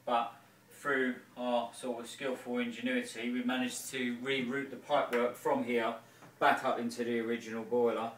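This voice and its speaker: Man in his thirties, heating engineer, chatty home walkthrough, flat pitch, roomy kitchen sound, distant camera mic. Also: moderate pace, slight background noise. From England. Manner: chatty, informal, with many fillers and restarts. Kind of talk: casual walkthrough explaining an installation. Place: small kitchen and hallway in a home. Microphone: camera-mounted mic, filmed by someone else.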